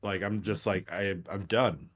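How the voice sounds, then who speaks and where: A man's voice: low voice, steady tone, unhurried. A young man co-hosting a casual podcast, teasing and joking with profane banter. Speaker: podcast co-host. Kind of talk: casual chat.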